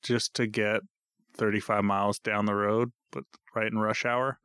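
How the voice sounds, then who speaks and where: A man in his thirties co-hosts a podcast, chatting casually in a rambling, jokey style and often cutting himself off. His voice is fairly low and flat, at a normal speed, with a fairly bright, smooth tone. The podcast recorder gives a clean studio sound with no echo.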